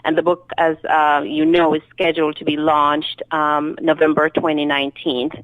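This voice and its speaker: A woman in her thirties from Jamaica with a Jamaican accent, a guest author giving earnest, measured interview answers. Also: sits low, flat delivery, dry recording, rough recording.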